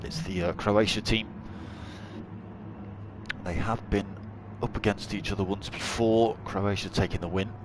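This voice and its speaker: Steady in tone and a little slow, his voice sits on the low side. This race commentator and streamer chats and jokes through live coverage of an online racing event, fitting dad jokes between updates, against loud engine and track noise.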